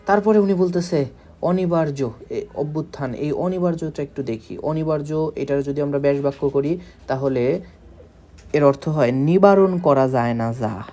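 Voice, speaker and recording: A man from Bangladesh teaching a literature lesson for exam preparation, explaining step by step and slowly spelling out words. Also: on the high side, mellow. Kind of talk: exam-prep lecture.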